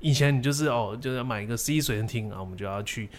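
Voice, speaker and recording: A man, co-hosting a podcast and telling a story in a rambling, casual way, slowing down to stress his points. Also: mid-range voice, a little hiss or hum. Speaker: podcast co-host. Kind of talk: casual chat.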